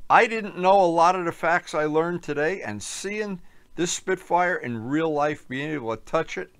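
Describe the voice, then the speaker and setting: A man's voice: fairly high pitch, normal speed, fairly bright tone, clean tone. A man hosting a video in a hangar, chatting eagerly and exclaiming in amazement. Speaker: video host. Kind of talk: casual interview chat. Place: aircraft hangar.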